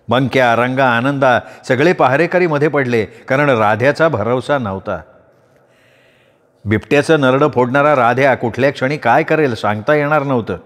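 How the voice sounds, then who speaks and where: A male storyteller narrating a rural novel as an audiobook, with expressive, measured delivery. His voice sits at an ordinary mid pitch.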